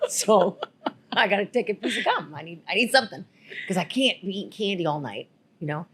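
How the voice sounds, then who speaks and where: Woman podcast co-host, animated and giggly, husky-breathy tone. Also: mid-range voice, brisk. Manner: giggly, rambling, animated storyteller. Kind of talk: casual storytelling chat.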